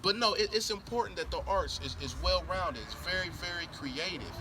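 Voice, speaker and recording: A middle-aged man from Columbus, Ohio, running for school board, answers interview questions emphatically in a high-sitting, expressive voice that is a little fast. He repeats his points and restarts often. The noisy outdoor recording picks up traffic and a crowd behind him.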